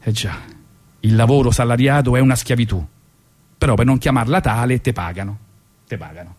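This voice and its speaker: A man in his forties with a Roman accent tells ironic stories on the radio as a host and storyteller. His mid-range voice is a little fast and darkish in tone. He sounds colloquial and conversational, with a wry, mock-philosophical air.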